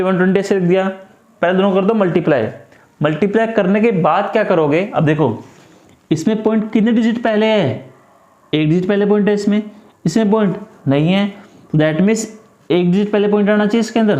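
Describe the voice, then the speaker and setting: Male tutor, high-pitched, patient step-by-step explainer, echoey room. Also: darkish tone, highs cut off. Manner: repetitive, coaxing, talks through each step. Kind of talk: step-by-step math lesson.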